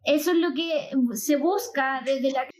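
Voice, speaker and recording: A woman's voice: high-pitched, measured pace, darkish tone. A Chilean woman hosting a live stream conversation, reading viewer comments and asking her guest questions. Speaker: host.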